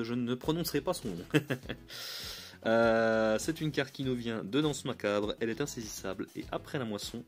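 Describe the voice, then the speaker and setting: Chatty upbeat man reviewing cards. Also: mid-range voice. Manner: upbeat, chatty, repeats "cool" often; light chuckles, restarts mid-phrase. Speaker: card game reviewer. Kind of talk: casual card review.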